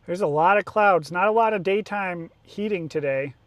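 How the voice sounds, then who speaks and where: A man's voice: high-pitched, normal speed, fairly bright tone, no room sound. An American man giving casual live commentary as a storm chaser, thinking aloud while driving. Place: inside a moving car.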